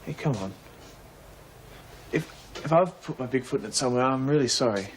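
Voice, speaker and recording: Male actor, young visitor, coaxing and earnest, lively intonation. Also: mid-range voice, a little fast, slight background noise, lightly acted. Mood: pleading. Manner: soothing and persuasive. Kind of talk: 1980s television drama acting.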